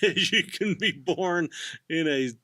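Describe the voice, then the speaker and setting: A man co-hosting a casual discussion, joking and talking in an animated way. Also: high-pitched, slow, no echo. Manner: jokey, animated. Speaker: co-host.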